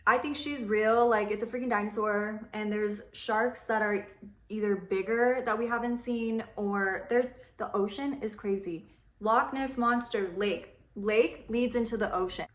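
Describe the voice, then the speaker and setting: Rambling young woman in an echoey room. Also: medium pitch. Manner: rambling, chatty, swears casually. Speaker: beauty vlogger. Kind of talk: casual chat while doing makeup. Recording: roomy echo.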